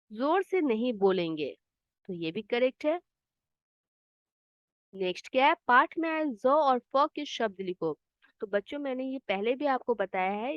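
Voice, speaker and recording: A patient woman with a slightly high voice teaches a children's Hindi lesson, explaining the answers and glossing words in English. The recording is dry, dull, and a little muffled.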